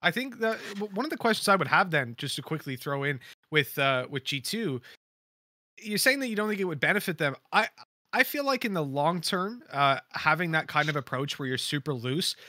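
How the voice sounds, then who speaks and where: A man with a fairly high, very bright and sharp voice, talking as an esports analyst on a gaming panel. He is lively and animated, and the sound is dry and close-miked. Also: moderate pace, no echo. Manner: lively and animated, laughing while retelling stories. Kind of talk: panel discussion on a gaming show.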